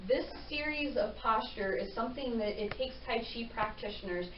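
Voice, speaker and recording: A woman teaching tai chi with calm, reassuring, measured step-by-step movement cues. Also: on the high side. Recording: roomy, dull, distant mic, faint noise.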